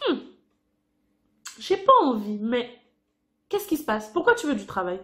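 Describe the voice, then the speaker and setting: A woman voicing a reluctant farmer man who grudgingly offers work, speaking low and grumbling. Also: very animated, a little slow, a bit bright.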